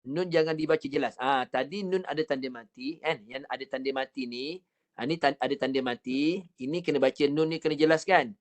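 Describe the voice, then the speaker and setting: Malay man teaching recitation patiently. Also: medium pitch. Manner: patient, repetitive drilling with counted practice and demonstrations; stretches words very slowly when showing the recitation. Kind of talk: online recitation lesson. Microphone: computer mic on a video call.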